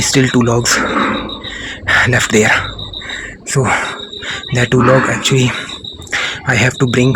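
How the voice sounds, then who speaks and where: A man talks his way through a village field, teaching English in short, halting phrases that he keeps restarting. His voice sits at an average pitch and moves unhurriedly. Crickets and insects chirp clearly all around him outdoors. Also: noisy background. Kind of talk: casual teaching vlog.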